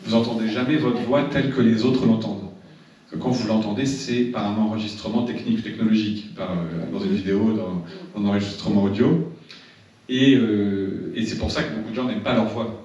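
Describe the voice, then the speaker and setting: A man's voice: on the low side, fairly quick, darkish tone. A man training a seminar audience in public speaking, talking casually with many restarts and repeated words. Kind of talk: seminar talk to a live audience. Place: seminar room. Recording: echoey room, distant mic, dull sound.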